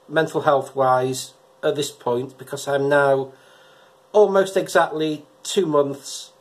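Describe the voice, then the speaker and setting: A talkative middle-aged man with a head cold speaks directly to his camera, reviewing episodes in a casual personal vlog. His voice is slightly high for a man, and he stumbles and repeats words. He records in his living room and also outdoors in a car park at night.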